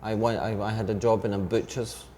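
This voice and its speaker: A Scottish man in his fifties, a teacher, chatting as an interview guest and speaking slowly and clearly on purpose. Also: fairly low pitch, steady tone, mellow. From Scotland. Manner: deliberately slowed, clear speech. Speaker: head of an English department, guest. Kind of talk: casual interview chat. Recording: long reverb with faint background noise.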